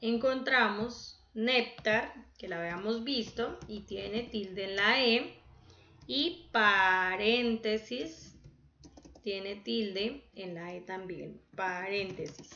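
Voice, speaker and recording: Woman teacher, slow and patient, bright voice, echoey dull recording. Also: mid-range voice, slight background noise. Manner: slow, patient, counting syllables aloud. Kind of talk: online class lesson.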